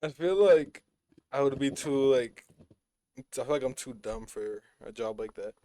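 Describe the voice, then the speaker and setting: A man talks in a loose, casual podcast chat, with a mid-range pitch and a blunt, profane way of speaking. The recording is close and dry, with no room sound. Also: a little slow, dark tone, dry recording. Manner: blunt, heavy swearing. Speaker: podcast co-host.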